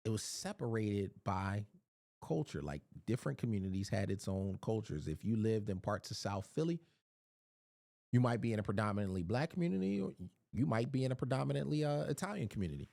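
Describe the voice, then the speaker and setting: A man's voice: fairly low pitch, lively intonation, brisk, vocal fry, mellow, no echo, studio quality. A man from Philadelphia giving a casual Bible teaching, often repeating words as he searches for his phrasing.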